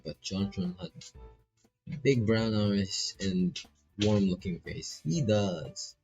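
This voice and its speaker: A gaming streamer from the Philippines casually reads a game aloud, throwing in joking, slangy asides. His low voice is husky and a little mellow. The lo-fi mic sounds slightly dull, with faint game music behind him.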